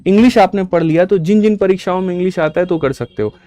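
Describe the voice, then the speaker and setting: A young man teaches an online maths class for competitive exams. His voice sits a little high yet mellow, recorded dry and close. He talks emphatically, repeating points and calling students brother. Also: fast talker, no room sound. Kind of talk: online exam-prep class with batch promotion.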